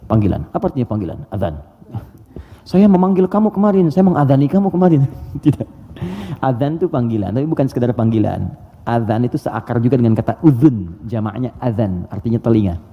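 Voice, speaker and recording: A man preaching a sermon, lively and full of rhetorical questions. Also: mid-range voice. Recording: dull audio with long hall reverb.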